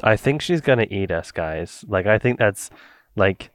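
Casting: male tabletop player, low voice, loose rambling delivery, dry sound. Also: expressive, unhurried, no echo. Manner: rambling, thinks aloud with many fillers. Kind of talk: casual tabletop game chat.

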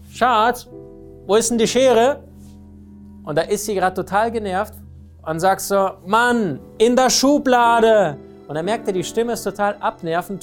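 A man giving a lively motivational talk on relationships, often asking his listeners questions. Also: sits high. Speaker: speaker on communication and relationships.

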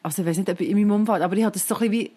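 A woman's voice: mid-range voice, racing, dark tone, slightly rough. Reflective Swiss German woman talking. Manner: reflective, thinks aloud with many fillers. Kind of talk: casual chat.

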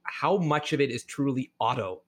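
A man's voice: mid-range voice, lively intonation, moderate pace, a bit bright. A man hosting a podcast, asking eager, rambling questions full of restarts. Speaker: podcast host. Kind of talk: casual interview questions.

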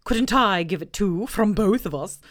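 Woman doing a loud, fussy, know-it-all old owl; storybook reading. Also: medium pitch, expressive, normal speed, close to an everyday voice. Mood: pompous. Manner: loud, fussy and self-important. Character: pompous self-important old male owl.

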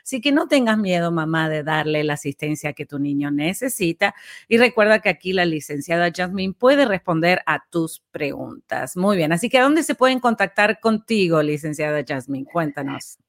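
A woman's voice: on the low side, animated, normal speed. A woman from Argentina hosting an interview show, giving short encouraging replies and thanking her guest. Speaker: host.

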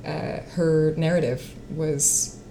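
A woman's voice: deep voice, steady tone, slow pace, creaky, warm tone, a little hiss or hum. A woman in her late twenties, a singer-songwriter and actress, chatting in an interview with fillers and frequent laughter. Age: late 20s. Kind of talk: casual interview chat.

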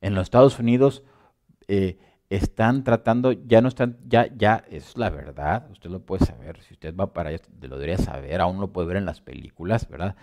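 A man preaching a sermon in a conversational way, often asking listeners whether they follow, and swinging between loud emphasis and quiet asides. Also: deep voice, normal speed. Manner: conversational, asks listeners for agreement.

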